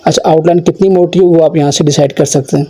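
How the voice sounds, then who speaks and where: A man teaching a computer course, explaining each step of a screen-recorded software tutorial and voicing the learner's requests himself. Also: fairly high pitch, steady tone, fast, husky.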